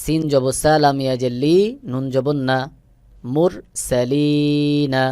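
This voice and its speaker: A medium-pitched man with little pitch movement, a darkish tone and a normal speed is heard on a dry recording. He leads a slow Quran recitation lesson, spelling each letter with its vowel and then blending them into whole words syllable by syllable.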